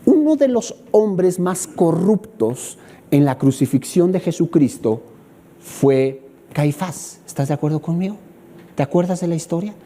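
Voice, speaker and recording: A man's voice: a little high, unhurried, slight background noise. A middle-aged man with a Mexican accent preaching a sermon, acting out scenes and asking rhetorical questions. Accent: Mexican Spanish. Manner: animated, acts out scenes, asks rhetorical questions. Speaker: pastor.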